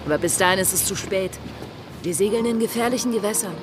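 In a German radio drama, an actress plays a scheming, determined female pirate who speaks with urgent resolve. Her natural, mid-range voice moves quickly over music, with background noise present.

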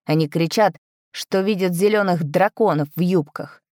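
A woman reading the part of a stern, cold male army general in an audiobook, with a flat, clipped, icy delivery. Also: fairly low pitch, moderate pace, no echo, clean studio sound, close to an everyday voice. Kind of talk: audiobook character voice.

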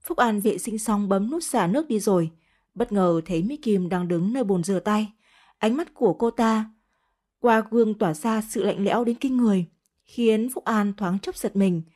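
A woman reading a dramatic story as a scripted audiobook narration, steady in delivery. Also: mid-range voice, normal speed.

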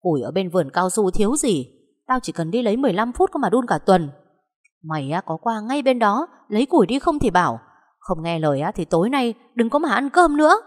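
A woman voicing a harsh, abusive middle-aged stepmother who shouts and scolds, with a long echoing reverb. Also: medium pitch, very animated, fast, slightly rough. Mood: scolding.

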